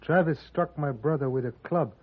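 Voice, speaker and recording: An actor playing a sorrowful, deferential servant with a husky voice in a radio western. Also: male voice, fairly high pitch, normal speed. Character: grieving, deferential Chinese immigrant servant man. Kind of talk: 1950s radio western acting. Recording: muffled old radio recording.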